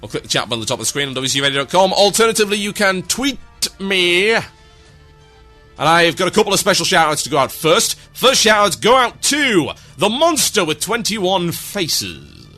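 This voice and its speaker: Male radio host, bright voice, dry and sarcastic, reading shout-outs over faint music. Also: sits high, very animated, normal speed. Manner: dry, sarcastic, mock-grand delivery.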